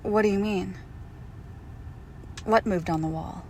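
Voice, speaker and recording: A woman plays a doting, possessive girlfriend who is secretly a monster in an intimate, hushed roleplay audio drama. Her natural, medium-pitched voice is slow, tender and soothing, often dropping to a whisper, with slight background noise.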